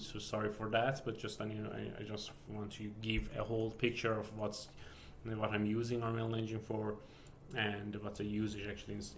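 Speaking English as a second language with a Persian accent, this Iranian game developer vlogger in his thirties walks viewers through his screen share casually, hesitating and restarting often amid many fillers. His voice is on the low side, and a little hiss or hum runs under the audio from his indoor home office.

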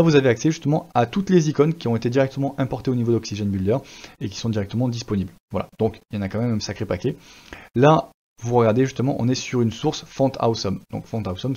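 A man teaching a screen-recorded software tutorial in a chatty way, with many fillers. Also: medium pitch, highs cut off. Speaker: web design instructor.

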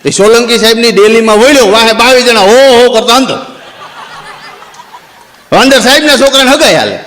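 A man's voice: very high-pitched, fairly quick. A man telling a comic folk story on stage, acting out the people in it and drawing out their crowd chants. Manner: lively, acts out quoted characters, drawls crowd chants. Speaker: stand-up comedian and storyteller.

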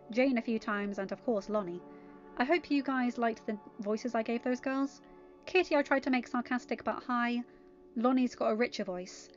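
Reading fan fiction aloud like a storybook, a woman with an English accent pauses to comment on it casually. She's an amateur reader with a slightly high voice, captured in dull audio.

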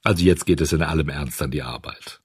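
Man doing old storybook carpenter, blustering, loud, low husky voice, lively. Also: a little fast, no echo, studio quality, full character voice. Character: old male village carpenter, jittery, blustering.

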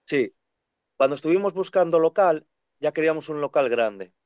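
A man in his thirties, a second-hand bookseller, chatting on a video call in an animated way, talking in long runs. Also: on the high side, normal speed, no room sound, studio quality. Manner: animated, talks in long runs and acts out quoted voices. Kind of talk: casual conversational interview. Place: bookshop with full shelves behind. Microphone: video call webcam.

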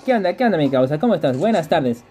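A man live-streaming a game, chatting with viewers and repeating phrases in quick bursts. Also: on the high side, big pitch swings, mellow, a little hiss or hum.

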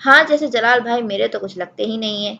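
A woman's voice: on the high side, gravelly, sharp tone, lo-fi sound, full character voice. A woman narrator voicing a stubborn young woman who takes offence easily, with a petulant, indignant delivery.

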